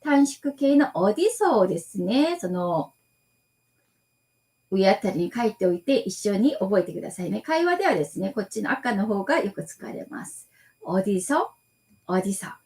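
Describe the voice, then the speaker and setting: A woman teaching an online language class, repeating model sentences slowly and patiently and adding soft fillers as she explains. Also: mid-range voice, very animated. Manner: slow, patient drilling with repeated model phrases; adds frequent softening fillers. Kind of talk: online lecture.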